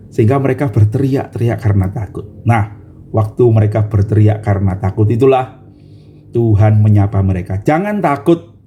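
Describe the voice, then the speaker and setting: A man's voice: fairly low pitch, warm tone, breathy edge. A man pastor giving an online Bible study sermon, telling the story with animation and acting out the voices of the people in it, often calling his listeners brothers and sisters.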